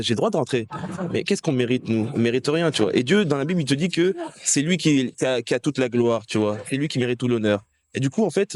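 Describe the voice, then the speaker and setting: A young man talks quickly and earnestly, pressing his point in a relaxed, persuasive way and checking in with the listener again and again. The recording is dry and close, with almost no room sound. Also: mid-range voice, no room sound. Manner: earnest, persuasive, fillers "tu vois". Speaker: street evangelist. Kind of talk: casual faith conversation.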